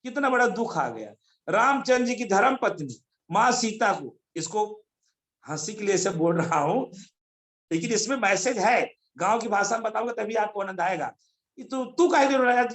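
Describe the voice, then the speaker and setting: A man giving an animated motivational talk over a video call, telling stories and calling on listeners by name. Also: high-pitched, moderate pace. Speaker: motivational speaker.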